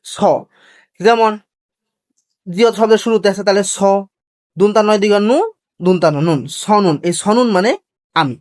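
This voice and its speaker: A Korean language teacher, giving an online lesson. The teacher explains slowly and patiently, asks each point back as a question and then answers it. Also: mid-range voice. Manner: slow, patient, drilling explanation.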